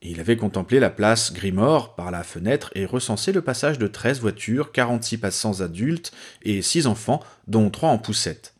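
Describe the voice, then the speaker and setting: A man narrating a story aloud with a low, husky voice. His delivery is lively, his pitch moving freely through each sentence. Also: moderate pace, hardly any pauses. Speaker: reader. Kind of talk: reading fan fiction aloud.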